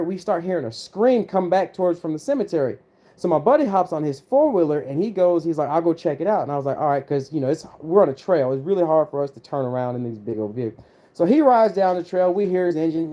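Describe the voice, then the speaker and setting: Animated man telling a spooky story. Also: mid-range voice, muffled recording. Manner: animated, acts out quoted voices. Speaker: host. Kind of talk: casual storytelling on a livestream.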